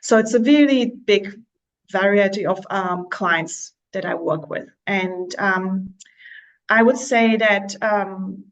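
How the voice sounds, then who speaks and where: A woman's voice: medium pitch, slow pace, highs cut off. A woman from Slovakia, a real estate agent, talking casually in an interview with many fillers and restarts.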